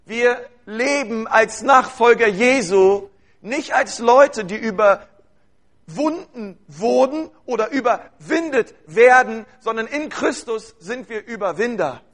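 A man with a notably high-pitched voice delivers a sermon to his congregation. He speaks with earnest, urging conviction and builds his points through repeated phrases. He addresses his listeners directly as "you". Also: expressive, slow pace, a bit bright. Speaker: preacher.

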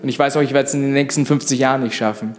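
A man's voice: mid-range voice, fairly even intonation, racing, faint music behind. A young man preaching a sermon in a church service, in a casual, direct way with frequent "hey" asides. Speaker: pastor.

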